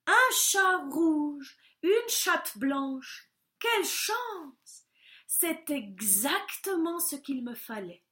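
A woman's voice: high voice, big pitch swings, pushed and bright, voice pushed up, full character voice. A woman doing a cackling old witch. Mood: delighted. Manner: cackling, bossy, drawn-out.

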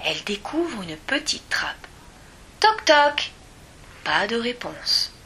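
A woman reading a children's story aloud in a gentle, expressive way. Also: mid-range voice, unhurried, noisy background.

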